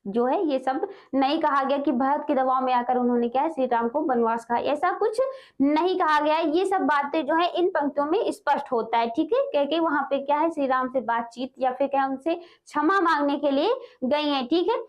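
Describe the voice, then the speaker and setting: A woman teacher explaining Hindi poetry line by line for exam students, often adding "ठीक है", and reading the verses slowly. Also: high-pitched. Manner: repeats "ठीक है" and "क्या है" as fillers, reads verses slowly.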